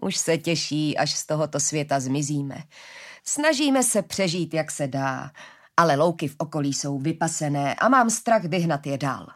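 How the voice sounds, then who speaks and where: A woman voicing a kind, motherly old herder woman who speaks slowly and gently in a storybook reading. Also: very animated. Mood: gentle. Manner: slow, gentle, low.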